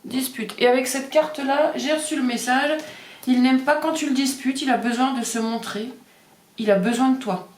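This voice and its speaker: In this echoey room, a woman reads cards casually, her speech hesitant and full of fillers as she repeats the card words. Her voice sits high, at a normal speed.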